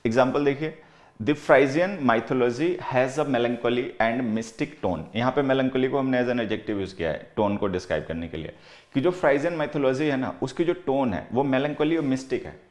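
A man teaching English vocabulary in Hindi, with an Indian English accent. He explains slowly and repeats words. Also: mid-range voice, a little mellow. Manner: explains slowly, reads example sentences aloud word by word, repeats words; keeps saying "theek hai" while writing on the board. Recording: echoey room.

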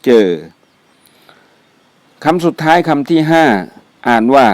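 A man teaches a vocabulary lesson at a very slow, measured pace, saying each Arabic term twice before he explains it. His voice is close and dry, with no room sound around it. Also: on the high side, no echo. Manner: repeats each Arabic word twice, then gives its meaning. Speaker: Islamic studies teacher. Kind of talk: slow vocabulary lesson, reading words and meanings. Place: mosque.

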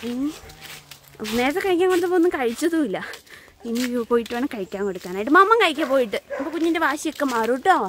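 A woman's voice: sits high, lively intonation, rapid-fire, fairly bright tone. A young mother chatting in a casual vlog, coaxing her little child and narrating a walk through a cardamom plantation. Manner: coaxing baby talk mixed with chatty narration. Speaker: mother vlogger. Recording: noisy outdoor ambience.

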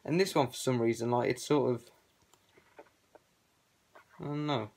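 A man's voice: mid-range voice, a little slow, darkish tone. A young man talking through a balaclava, casually rambling with lots of hesitation as he shows off his collection. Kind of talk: casual show-and-tell vlog.

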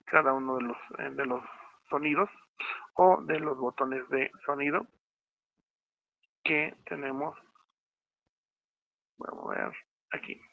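A man's voice: medium pitch, sing-song, slow pace, creaky, long pauses, no room sound. A man teaching a step-by-step screencast programming lesson with a Mexican Spanish accent, checking in often with his students. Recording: tinny phone-like audio, dry.

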